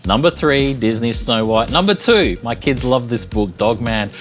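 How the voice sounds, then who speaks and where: A man's voice: mid-range voice, expressive, moderate pace. A man reviewing movies on a talk show, chatting about them with rambling enthusiasm. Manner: enthusiastic, rambling film chat. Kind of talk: casual chat. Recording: faint background noise.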